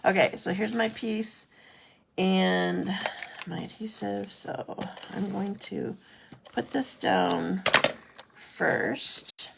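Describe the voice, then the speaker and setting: Lady doing a live card-making demo, super gravelly fry, chats with viewers and fixes her own words as she goes. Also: mid-range voice, extremely slow, long pauses, noisy background. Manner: chatty, self-correcting, answers viewer comments. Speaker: craft demonstrator hosting a live stream. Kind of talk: casual live craft demo.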